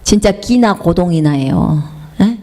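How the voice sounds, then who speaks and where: A middle-aged woman missionary from South Jeolla, Korea, preaches in a chatty way with a Jeolla accent, sharing personal stories, asking the congregation questions, and slipping into dialect. Her voice is lowish and dark-toned, animated though a little slow.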